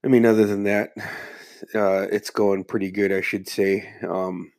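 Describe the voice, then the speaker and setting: A man with a fairly low, slightly mellow voice hosts a casual solo podcast, speaking a little slowly with little pitch movement. He's under the weather, with a stuffy nose and slight cough, so he sounds muffled and congested as he rambles along in a laid-back way, swearing plenty.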